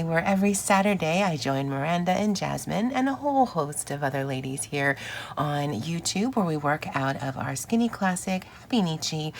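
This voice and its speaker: A woman hosts a planner channel, chatting informally and rambling through a craft vlog. Morning congestion makes her low voice phlegmy and rattly, with slight background noise.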